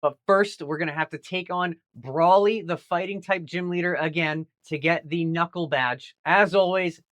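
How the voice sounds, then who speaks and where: A man hosting a video game playthrough, talking to the game as he plays, grumbling one moment and excited the next. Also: on the high side, normal speed, dry recording. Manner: animated, talks to the game, swings between grumbling and excited. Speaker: gaming channel host. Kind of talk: let's play commentary.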